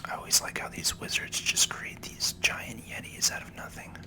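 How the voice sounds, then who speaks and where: In a gentle ASMR whisper, a person takes their time walking through a video game playthrough one step at a time.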